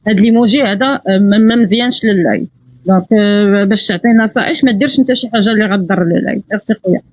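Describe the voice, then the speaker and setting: A woman from Morocco hosting a live stream, moderating speakers in a rapid, hesitant way. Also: mid-range voice, darkish tone, no echo. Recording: dull lo-fi stream audio.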